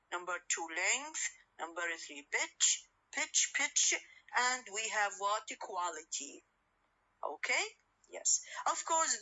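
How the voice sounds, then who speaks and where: A woman's voice: mid-range voice, pushed and bright, rough recording. A woman lecturer, patiently explaining and asking rhetorical questions she answers herself. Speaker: university lecturer. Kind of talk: recorded lecture, switching between English and Arabic.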